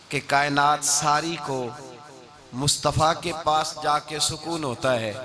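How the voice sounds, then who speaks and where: A man preaching a religious sermon with Arabic recitation, talking emphatically and climbing to raised oratorical peaks. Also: on the high side.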